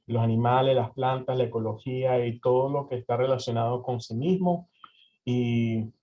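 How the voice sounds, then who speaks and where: Speaking at a moderate pace with fairly even intonation and a medium pitch, a young Venezuelan man responds to interview questions as the guest. His speech is hesitant, peppered with fillers and restarts, and the lo-fi recording is slightly dull.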